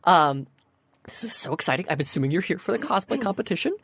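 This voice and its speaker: A woman's voice: on the low side, animated, fast talker, slightly rough, no echo, studio quality. [name], woman doing a perky sphinx. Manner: bubbly, eager to help. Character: perky female sphinx con helper.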